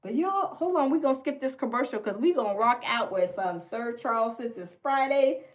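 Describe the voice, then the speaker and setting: A woman's voice: fairly high pitch, expressive, normal speed. A woman from the American South with a Southern accent, hosting a casual livestream, chatting folksily with viewers and reading their comments aloud. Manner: chatty, folksy, repeats herself. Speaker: livestream host.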